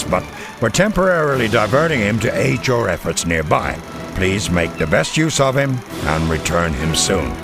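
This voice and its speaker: A gravelly, deep-voiced man plays an army colonel, a formal and authoritative WWII American intelligence officer briefing other officers. His scripted, dramatic briefing is sober and formal, measured and crisp in military style, with weighty pauses.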